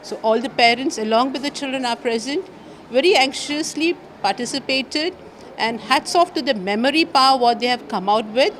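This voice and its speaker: School official, very slow and halting, faint traffic behind. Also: female voice, high voice, a bit bright, low-quality recording. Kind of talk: interview statement.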